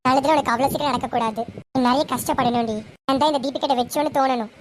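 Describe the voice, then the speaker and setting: Brief: woman playing a spiteful young schemer, high voice, rapid gloating threats. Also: a little hiss or hum, close to an everyday voice. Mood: vengeful. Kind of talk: amateur serial voice acting.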